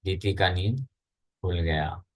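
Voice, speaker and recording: Indian man, scripture teacher, unhurried delivery, fairly low voice, measured chanting of verses. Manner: slow, measured chanting of verses, then plain explanation. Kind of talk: scripture class, reciting Sanskrit verses slowly and explaining in Hindi and English.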